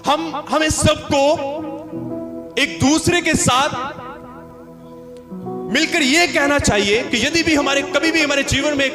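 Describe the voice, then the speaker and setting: A man's voice: extremely high pitch, slow pace, pauses often. A man preaching a sermon as pastor, telling a story and calling on the congregation to repeat after him. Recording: music under the voice. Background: music.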